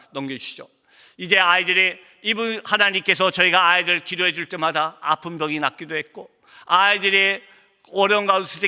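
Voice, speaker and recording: A man preaching a missionary testimony in a church, his voice high and very bright. He tells the story with passion and acts out his own angry words. Long hall reverb trails each phrase. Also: clear, resonant tone. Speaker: missionary pastor. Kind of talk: sermon testimony. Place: church sanctuary.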